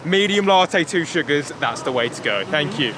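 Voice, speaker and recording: A man's voice: a little high, lively intonation, normal speed, noisy background. Jokey young man interviewed outdoors. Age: young adult. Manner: jokey, laughing, sweary. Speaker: interviewed student. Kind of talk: street vox pop.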